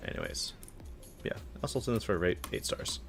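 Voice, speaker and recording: Low-voiced man casually streaming. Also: a little fast, vocal fry, over music. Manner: relaxed, offhand, with filler words and dry sarcasm. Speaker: streamer reviewing game levels. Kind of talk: casual live-stream commentary.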